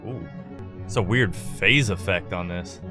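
Excitable music producer reacting out loud. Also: male voice, sits low, measured pace. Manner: excitable, exclaims and swears freely. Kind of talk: casual reaction commentary. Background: music played under his talk.

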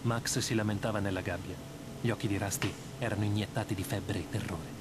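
An actor playing a male writer who narrates his own ordeal in a dubbed video game, in a grave, measured storytelling manner. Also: lowish voice, steady tone, lightly acted. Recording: game audio with background noise.

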